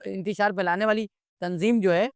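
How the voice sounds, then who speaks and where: A man's voice: sits high, steady tone, normal speed, smooth, no room sound, clean studio sound. A man, speaking as an interview guest in a heated, exasperated way and firing off rhetorical questions. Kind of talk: impassioned interview commentary.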